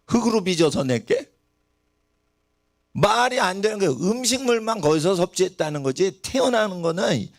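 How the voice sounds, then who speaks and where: A man's voice: a little high, vocal fry, no echo, clean studio sound. A man preaching a sermon in a church, asking the congregation rhetorical questions. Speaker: pastor. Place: church sanctuary.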